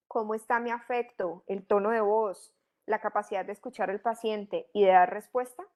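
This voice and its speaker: With a mid-range, darkish voice, a middle-aged woman delivers an online training lecture. Her approach is didactic, and she keeps throwing out rhetorical questions.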